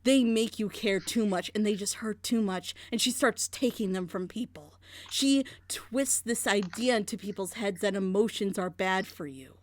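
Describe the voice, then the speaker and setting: In an animated group reaction chat, this woman breaks down a plot twist critically, making her analytical case through rhetorical questions. Her voice is medium-pitched at a normal speed, and the recording is dry.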